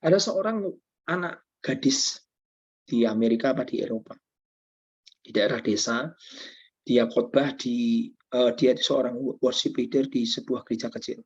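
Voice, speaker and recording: Male pastor, sermon, animated storytelling, husky voice, muffled lo-fi sound. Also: mid-range voice, measured pace, pauses often. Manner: animated storytelling preacher, acting out dialogue.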